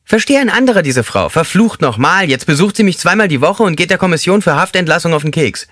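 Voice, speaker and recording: A man voicing a squeaky-voiced, crude, rambling male prison inmate in an audiobook. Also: animated, fast, a bit bright, no room sound, studio quality. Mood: exasperated. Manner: coarse, rambling storytelling. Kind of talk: audiobook character voice.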